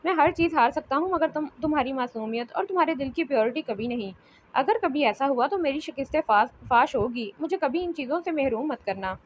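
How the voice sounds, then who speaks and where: A woman's voice: high voice, animated, fairly quick, highs cut off, slight background noise. A woman reading a doting, protective husband. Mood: tender.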